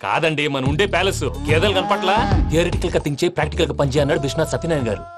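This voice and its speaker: A man's voice: on the high side, racing, music in the background, close to an everyday voice. An actor playing a self-satisfied, chattering sidekick who drops English words into his talk. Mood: boastful. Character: boastful bumbling sidekick, pleased with himself. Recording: film scene with score behind.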